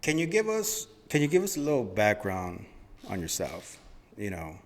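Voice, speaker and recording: A man's voice: lowish voice, wildly swooping pitch, moderate pace, a little hiss or hum. A man hosting a podcast, introducing a guest emcee-style, then chatting casually and repeating words back. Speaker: podcast host. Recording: reverberant room sound.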